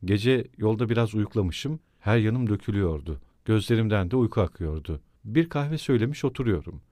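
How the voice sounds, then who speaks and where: A man's voice: fairly low pitch, animated, brisk, warm tone, dry recording, clean studio sound, lightly acted. A man voicing a brooding, eerie, absent-minded middle-aged landowner in an audiobook reading, with a musing, rambling delivery.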